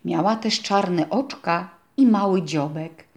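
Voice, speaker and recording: A woman reading a children's storybook aloud in a gentle, expressive narrating voice. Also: on the low side, takes it slowly. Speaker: audiobook reader.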